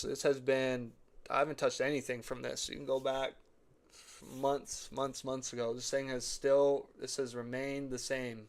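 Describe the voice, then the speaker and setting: A man hosting live crypto chart commentary, rambling and repeating himself, his voice slightly cracked. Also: mid-range voice. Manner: rambling, repeats phrases, says okay and right often. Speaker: crypto chart analyst host.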